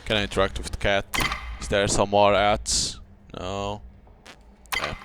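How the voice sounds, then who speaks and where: A man's voice: fairly low pitch, monotone, a little slow, background noise. A man giving casual commentary as he plays a video game. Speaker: gamer playing on camera. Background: game music.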